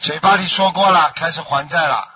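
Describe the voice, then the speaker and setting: A Buddhist master on a radio call-in show, explaining dreams to callers in plain terms and often checking whether they understood. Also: male voice, a little high, fairly quick, muffled recording, soft background music.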